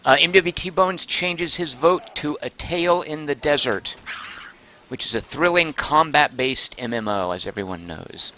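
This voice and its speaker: A man streaming a game live, chatting excitedly, thinking aloud and reading chat messages aloud, close to his microphone. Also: on the high side, a little slow, a little hiss or hum. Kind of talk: live gameplay commentary.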